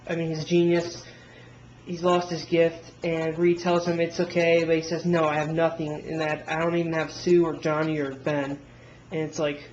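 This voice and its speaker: A man's voice: high voice, highs cut off, a little hiss or hum. A man casually reviewing comic books, rambling through plot recaps with frequent restarts.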